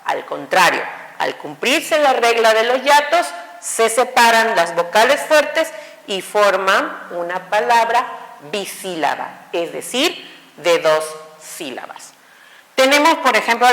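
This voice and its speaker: Slow, deliberate woman teacher in echoey room. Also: mid-range voice, fairly bright tone. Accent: Mexican Spanish. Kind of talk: online grammar class. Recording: echoey room with long reverb.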